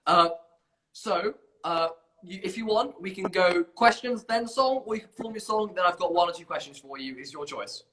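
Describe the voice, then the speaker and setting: The audio is poor here: a man with a high-pitched, bright voice speaks at a moderate pace in a forceful tone. He's the host of an informal live competition stream, chatty, self-deprecating and bumbling as he presents.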